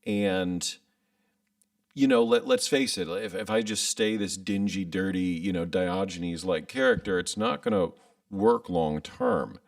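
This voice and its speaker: A man's voice: low voice, a little slow, vocal fry, no room sound, distant mic. A man in his thirties chatting casually on a livestream, rambling and hesitant with many restarts, speaking into a studio mic at home. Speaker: content creator streaming live. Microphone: studio microphone with headphones.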